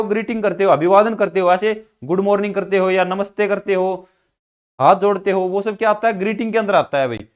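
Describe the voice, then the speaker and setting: In a classroom lecture explaining English pronunciation, a man from Haryana, India teaches with a high voice. He tends to repeat questions and then answer them himself, frequently adding "ठीक है भाई".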